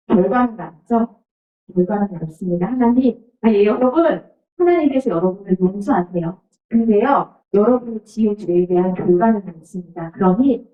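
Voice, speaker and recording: Woman, children's sermon, animated, asks the kids questions; roomy, off-mic church hall sound. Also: a little high. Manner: addresses children directly with frequent questions; mixes casual speech with formal preaching. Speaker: children's ministry preacher. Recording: roomy, distant, slightly dull sound.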